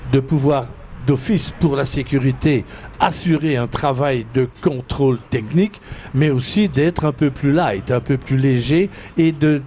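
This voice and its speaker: Here the same kind of speaker, a man with a Liège Belgian French accent, is hosting live radio outdoors at a windy event and interviewing a guest. He talks a little slowly in a mellow, medium-pitched voice, chatty and prone to restarts. His headset picks up slight background noise.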